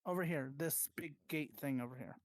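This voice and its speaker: A game master in a casual online voice chat, handing out quick instructions and often restarting sentences. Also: medium pitch, no room sound, clean studio sound.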